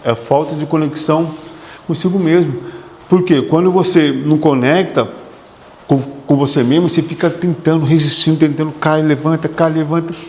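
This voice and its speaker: The long reverb of an echoey hall surrounds a male psychotherapist giving a motivational lecture, where he hammers phrases through repetition and quizzes the audience. His voice is a little high and a little mellow, steady in tone and at normal speed.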